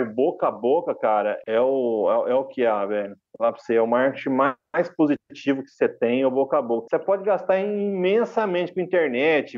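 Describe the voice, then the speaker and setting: A man in his thirties from Paraná, a guest talking casually as a rural credit consultant and acting out the people he quotes. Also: medium pitch. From Paraná, Brazil. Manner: animated storyteller, acts out quoted dialogue. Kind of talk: casual interview chat. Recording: dull lo-fi audio.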